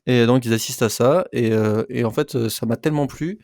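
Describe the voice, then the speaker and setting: A man's voice: medium pitch, a little fast, a little mellow, dry recording. Podcast co-host guy, jokey, stumbles with euhs, dry mic. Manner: hesitant, joking, many fillers. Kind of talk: casual podcast chat.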